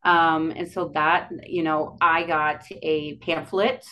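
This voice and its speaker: A woman with a Dakota accent and a slightly low voice tells a personal story as a podcast guest. She talks casually and haltingly, repeating words as she goes. Some noise sits behind her. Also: level tone, pushed and bright. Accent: Dakota, Upper Midwest. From Dakotas, United States. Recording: clear background noise.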